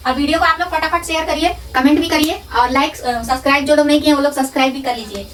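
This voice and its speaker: A woman teaching a grammar lesson, asking questions and answering them herself, repeating terms slowly. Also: high voice, a bit bright. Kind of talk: classroom-style lesson. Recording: distant from the mic.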